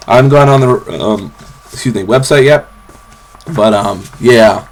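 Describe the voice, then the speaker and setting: A young man rambling casually in a vlog from his bed, with lots of fillers and restarts, recorded on a camera's built-in mic. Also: unhurried. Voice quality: very low, bassy, gravelly voice. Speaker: vlogger. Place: bedroom, sitting on a bed.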